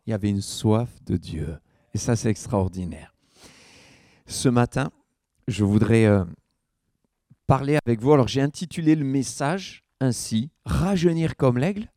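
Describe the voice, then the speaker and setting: A middle-aged man preaching a sermon as pastor in a church, lively, with rising emphasis and questions to the congregation. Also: medium pitch, dry recording, clean studio sound.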